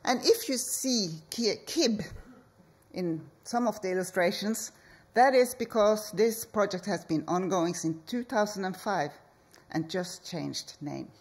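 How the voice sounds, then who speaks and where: Measured, slow-paced woman presenting. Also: mid-range voice. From Norway. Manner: measured, deliberate, with pauses between phrases. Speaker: architect, conference speaker. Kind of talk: conference presentation. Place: conference hall.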